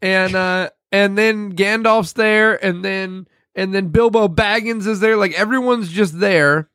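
A man's voice: high voice, unhurried, clean tone, no echo, studio quality. A man co-hosting a podcast, chatting casually with hesitant restarts. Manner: lively, hesitant, trailing off and restarting. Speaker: podcast co-host.

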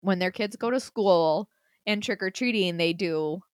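Casual chatty mom, dry close sound. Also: female voice, mid-range voice, measured pace, smooth, dry recording. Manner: casual, filler-heavy, laughing often. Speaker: podcast co-host. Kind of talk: casual chat.

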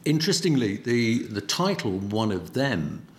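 Interview guest, middle-aged Cockney man: reflective and halting, restarts his phrases. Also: on the low side, very animated, a little hiss or hum. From East End of London. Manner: halting, repeats words while searching.

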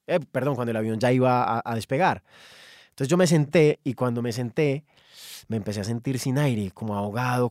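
A man, a songwriter telling a personal story in an animated monologue. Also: medium pitch, no room sound, clean studio sound.

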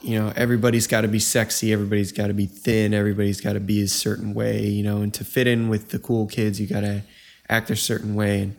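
A man on a podcast with a fairly low voice, chatting loosely and circling his point with plenty of fillers. He sounds like a young adult in relaxed, casual talk. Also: quick pace, creaky. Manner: rambling, frequent "you know" and "like" fillers. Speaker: podcast co-host.

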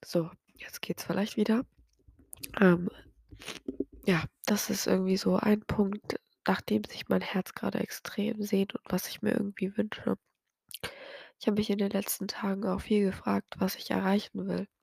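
A young woman hosting a podcast, talking softly and partly whispering late at night, teary and hesitant with a dry throat. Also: medium pitch, level tone, moderate pace, vocal fry, husky, no room sound. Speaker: podcast host. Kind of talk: personal late-night confessional monologue.

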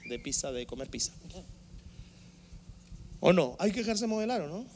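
A male pastor preaching a sermon to his congregation in an animated, emphatic way, with sudden loud outbursts. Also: on the high side, moderate pace, a little hiss or hum. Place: church service before a congregation.

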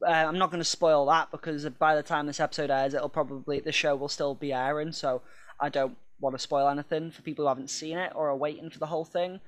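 A man's voice: a little high, steady tone, quick pace, fairly bright tone. A man co-hosting a podcast, chatting casually, rambling, laughing and swearing now and then. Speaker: podcast co-host. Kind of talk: casual chat.

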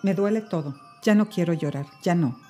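A woman's voice: fairly low pitch, moderate pace, dark tone. Woman, anguished literary reading. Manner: anguished, intimate first-person delivery. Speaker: reader and narrator. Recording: studio voice-over with faint background music.

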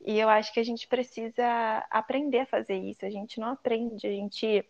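A woman's voice: a little high, fairly even intonation, a little fast, vocal fry. Thoughtful Brazilian woman, slightly muffled recording. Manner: thoughtful, personal, with repeated phrases for emphasis. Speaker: podcast co-host. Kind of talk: casual, reflective podcast chat.

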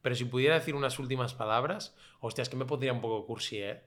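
A man with a Spain Spanish accent, a podcast guest chatting casually, relaxed and swearing freely. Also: medium pitch, fast. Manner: relaxed and chatty, swears freely, quotes others in lively voices. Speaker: podcast guest, food creator. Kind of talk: casual chat.

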